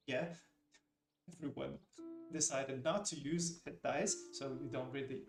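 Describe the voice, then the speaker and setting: A man runs a tabletop game at a slow, hesitant pace with frequent pauses. He sounds roomy and set back from the mic, with guitar music playing behind him. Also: a little high, recorded from a distance. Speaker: game master.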